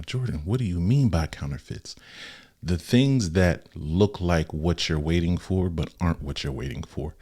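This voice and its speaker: Deep-voiced young man chatting casually. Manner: relaxed and conversational with slang. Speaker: podcast host. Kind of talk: casual faith podcast talk.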